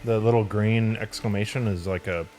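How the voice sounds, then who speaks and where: A man's voice: lowish voice, fairly even intonation, normal speed, a little mellow, faint music behind. A man co-hosting a casual video game let's-play, musing easily with frequent restarts. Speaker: gaming channel co-host.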